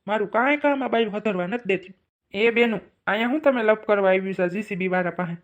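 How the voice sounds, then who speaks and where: Bossy cartoon digger guy, woman doing the voice, kathiawadi accent, quick and brusque. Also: mid-range voice, highs cut off, close to an everyday voice. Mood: blustering. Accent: Kathiawadi Gujarati. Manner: brusque, blustering, self-important. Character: gruff young male digger operator, impatient. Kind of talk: cartoon comedy voice acting.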